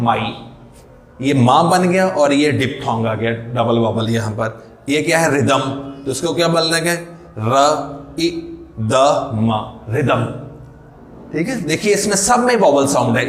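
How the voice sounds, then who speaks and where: A man explains English vowels like a teacher at a board. His voice sits a little high, and the room gives it a noticeable echo. He asks his own questions, answers them, and stretches out the important words. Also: animated. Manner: repeats questions and answers them himself, slows down on key terms; mixes Hindi with English words. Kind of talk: classroom-style lesson explanation.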